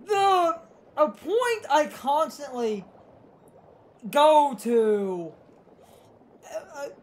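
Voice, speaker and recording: A woman co-commentates a let's play, rambling and arguing casually as she explains things over video game music. Her voice is a little high, and there's a slight hiss or hum on the audio.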